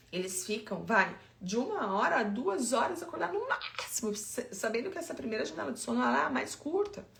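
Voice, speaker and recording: A Brazilian woman in her thirties, an infant sleep consultant, gives chatty, emphatic advice directly to her listeners in an informal talk. Her voice is high, gravelly and a bit bright, with a Brazilian Portuguese accent. The recording is reverberant.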